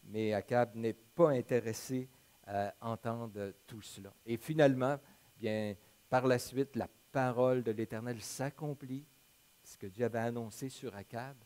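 A male pastor with a Quebec French accent delivers a sermon. He reads scripture aloud at a measured pace, then speaks plainly and conversationally, pausing now and then to search for words. His voice sits at an ordinary middle pitch. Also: fairly even intonation, a little mellow. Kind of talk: sermon with Bible reading.

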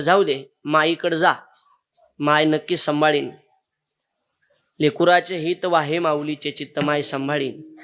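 A man's voice: fairly high pitch, fairly bright tone. A man, preaching a kirtan sermon and telling a moving story straight to his listeners. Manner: emotional storytelling, addresses audience directly.

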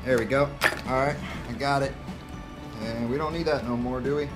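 A man's voice: medium pitch, fairly even intonation, normal speed, music in the background. A man in his thirties casually unboxing and reviewing tools, plain-spoken and a little self-deprecating, recorded on a camera mic in a cluttered indoor garage workshop. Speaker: channel host reviewing tools.

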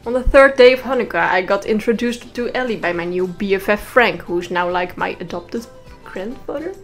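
A young woman telling funny stories in a sarcastic, deadpan way. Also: mid-range voice, moderate pace. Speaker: comedic storyteller. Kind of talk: comedic storytime monologue. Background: faint music.

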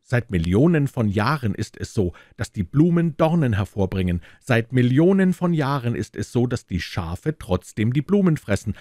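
A man's voice: mid-range voice, sing-song, moderate pace, few pauses, dark tone, no room sound, clean studio sound, voice pushed up, close to an everyday voice. A man voicing a small, earnest boy prince from another planet, who questions insistently and indignantly. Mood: impassioned.

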